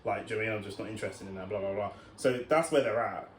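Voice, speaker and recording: A man's voice: fairly low pitch, very fast. A young man, co-hosting a podcast in casual chat, emphatic and repeating words as he starts a point. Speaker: podcast co-host. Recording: roomy with faint noise.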